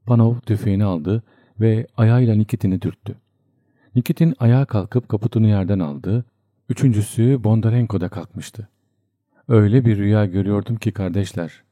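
Deep, dark-voiced man reading a novel. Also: no room sound, clean studio sound. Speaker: audiobook narrator. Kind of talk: literary audiobook narration.

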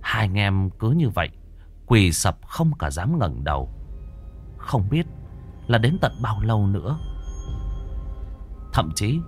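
A man narrating a ghost story with a dramatic, lively delivery. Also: lowish voice, slow, long pauses, soft background music.

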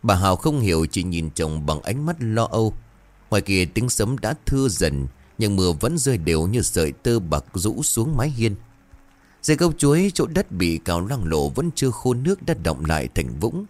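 A man giving an atmospheric, expressive scripted narration of a ghost story. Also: on the low side, moderate pace. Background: faint music.

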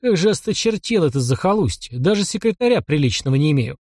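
A man's voice: a little high, big pitch swings, fast, a little mellow, no room sound, clean studio sound. A man voicing a gloomy, irritable, hungover army major in an audiobook. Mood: curt. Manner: gloomy, curt.

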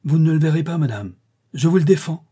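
A burly, jealous husband in a storybook reading, bellowing threats in a raised, husky voice, as the narrator acts him out. His tone is dark and his delivery loud and forceful. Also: medium pitch, brisk, lightly acted. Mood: furious. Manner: shouting threats.

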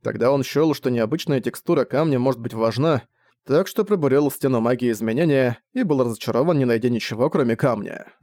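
Guy reading an audiobook, steady, mid-pitched voice, totally dry sound. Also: brisk, dry recording. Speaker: audiobook narrator. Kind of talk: scripted audiobook narration.

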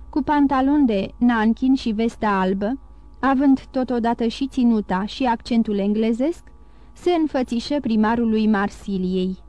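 A woman reading a classic novel aloud as audiobook narrator, steady and clear. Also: a little high, dry recording.

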